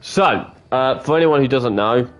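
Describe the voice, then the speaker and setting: Young gaming host, emphatic and repetitive, unhurried delivery. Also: male voice, mid-range voice, soft background music. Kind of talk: casual let's-play commentary.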